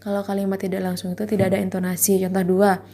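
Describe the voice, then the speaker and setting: A woman teacher explaining a class lesson step by step, often pausing on "nah" and reading examples aloud. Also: medium pitch, monotone, warm tone.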